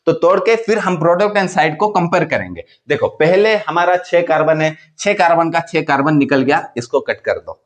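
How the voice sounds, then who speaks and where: A man teaching a chemistry class, voice sitting a little high for a man. He keeps checking that his students follow. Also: expressive, moderate pace, few pauses. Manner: questioning, repeats checks for understanding. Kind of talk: classroom explanation.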